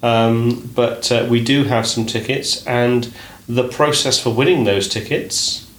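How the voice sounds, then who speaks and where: Podcast host guy, middling voice, says "indeed" a lot, low quality echoey hotel room audio. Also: steady tone. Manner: measured, fond of saying "indeed", many "uh" and "um". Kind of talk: casual podcast chat.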